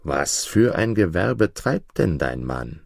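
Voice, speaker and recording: A man voicing a gruff mountain spirit disguised as a charcoal burner, talking deep, slow and stern. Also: sing-song, no echo, clean studio sound, full character voice. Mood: mocking.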